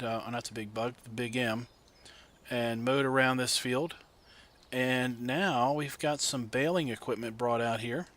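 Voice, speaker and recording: Hosting a farming game video, a man offers relaxed, unhurried commentary, musing aloud in a folksy manner. A tractor engine rumbles loudly behind his voice throughout.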